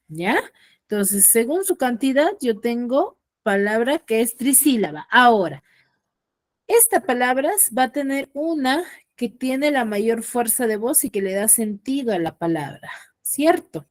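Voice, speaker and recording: A woman's voice: a little high, animated, unhurried. A woman teaching an online class as a secondary school teacher over a video call, who checks in with her students often and patiently.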